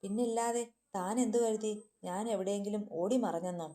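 A woman's voice: medium pitch, fairly even intonation, normal speed, warm tone, natural voice. A woman voicing a protective foster mother who speaks soothingly and affectionately in a storybook reading. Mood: scornful. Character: tender foster mother, protective, sharp-tongued when crossed.

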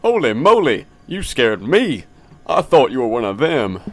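A man voicing a folksy, blunt middle-aged park ranger in a slow, drawling put-on accent for a horror game. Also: medium pitch, big pitch swings, fairly bright tone, exaggerated voice. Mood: startled.

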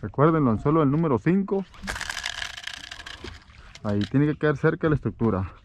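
A man, talking through a fishing trip from a boat outdoors and getting animated when a fish bites. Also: on the high side, brisk, lo-fi sound, slight background noise. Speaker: fishing vlogger. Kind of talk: excited fishing commentary.

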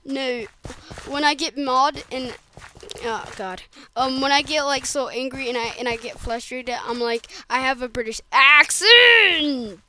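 A woman giving casual gameplay commentary, excitable and yelping and groaning at the game. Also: high voice, unhurried, slight background noise. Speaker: gaming channel host.

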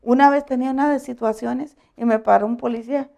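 A woman pastor giving a conversational sermon, telling animated stories, laughing often and checking that her listeners agree. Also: on the high side, fast, creaky. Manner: animated storytelling, asks the audience for agreement; laughs often while preaching.

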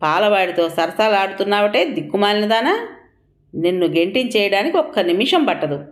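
A woman's voice: medium pitch, lively intonation, normal speed, lightly acted. A woman voicing a cruel, domineering old mother-in-law. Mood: scolding. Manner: harsh, scolding.

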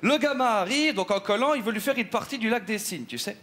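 A man's voice: high-pitched, lively intonation, a little fast, a bit bright. A man playing a chatty, gossiping middle-aged housewife in a stage comedy sketch, rambling and full of asides. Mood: gossipy.

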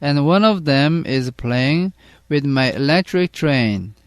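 A man reading the part of a stubborn young boy in a storybook, slowly and emphatically, then translating each line into Korean. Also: fairly high pitch, animated, clear, resonant tone, dry recording. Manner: slow, emphatic read-aloud.

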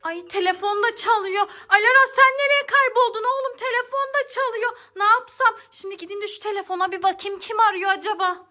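A woman's voice: extremely high pitch, a little fast, few pauses, pushed and bright, soft background music. A woman playing a mother in an acted family comedy skit, fussing and exasperated as she repeats her pleas again and again.

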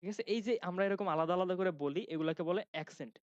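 A man's voice: sits high, fast talker, dry recording. A young man from Bangladesh with a Khulna Bangla accent, giving a casual grammar lecture and often asking his students questions. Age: young adult. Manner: chatty, asks students questions, restarts sentences. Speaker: grammar instructor. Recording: dry, dull lo-fi sound.

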